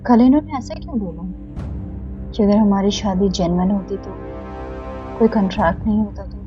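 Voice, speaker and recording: A woman's voice: moderate pace, highs cut off, music in the background, natural voice. A woman voicing a proud, easily embarrassed young wife who scolds indignantly, in an amateur audio drama. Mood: musing. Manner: indignant scolding, shrill shouts.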